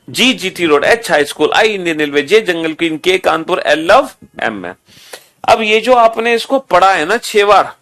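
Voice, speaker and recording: A man's voice: high-pitched, fairly bright tone. A male teacher giving an exam-prep lecture, repeating instructions again and again and calling the students "beta". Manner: repetitive drilling instructions, calls students beta.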